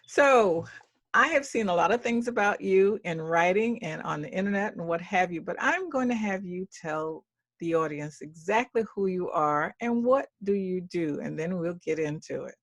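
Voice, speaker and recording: A woman's voice: fairly low pitch, expressive, moderate pace, dry recording. A woman hosting an interview show, welcoming her guest with upbeat enthusiasm.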